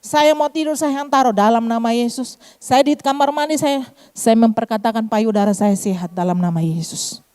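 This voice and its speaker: A woman's voice: on the high side, fairly even intonation, normal speed, a little mellow, smooth. A middle-aged woman pastor with an Eastern Indonesian accent, preaching a sermon and sharing a personal testimony, often calling out to the congregation. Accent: Eastern Indonesian, Kupang Malay. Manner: addresses congregation as "saudara" often.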